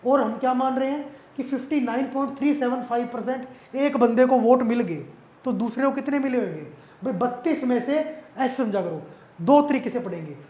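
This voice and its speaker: A man's voice: very high-pitched, moderate pace, a little mellow. A male math teacher explaining an exam-prep lesson casually, asking questions and answering them himself.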